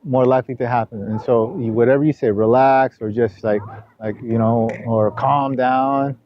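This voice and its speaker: Male coach, mid-pitched, rambling instructive talk, muffled lo-fi recording. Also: steady tone, moderate pace, a little hiss or hum. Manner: rambling, repeats himself with many restarts; rises loud and high when scolding. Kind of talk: sports coaching session. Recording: dull lo-fi camera audio.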